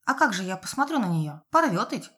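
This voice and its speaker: A woman's voice: medium pitch, sing-song, fairly quick, a bit bright, breathy edge. A woman voicing an elderly village neighbour, blunt and nosy, in folksy rustic speech, in an audiobook. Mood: wary.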